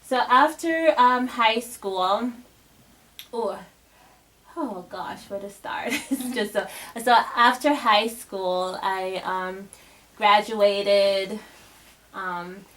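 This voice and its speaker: A woman's voice: medium pitch, drawn-out words, a bit bright, poor audio. Chatty woman, young adult. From Bahamas. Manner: chatty, laughs often, many fillers and restarts. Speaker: guest speaker to a girls' group. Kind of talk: casual motivational talk.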